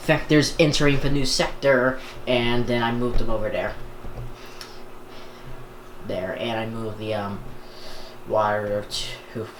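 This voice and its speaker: A video creator shows off a radio collection in a casual, off-the-cuff vlog, rambling and often restarting sentences. The mid-range voice is slow and fairly even, with long pauses, in an echoey indoor room with background noise.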